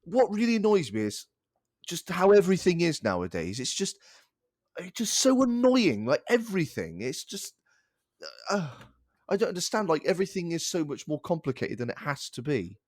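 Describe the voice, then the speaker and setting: A man's voice: fairly high pitch, sing-song, normal speed, darkish tone, no room sound, studio quality. A young man co-hosting a casual podcast, ranting in exasperation and restarting his sentences. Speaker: podcast co-host.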